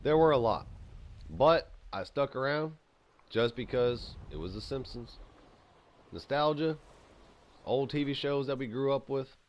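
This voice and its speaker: A man's voice: mid-range voice, a little slow, long pauses, highs cut off. A man hosting a gaming channel, giving rambling, opinionated commentary while playing and eating. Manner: rambling, opinionated, animated ranting. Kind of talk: casual gameplay commentary.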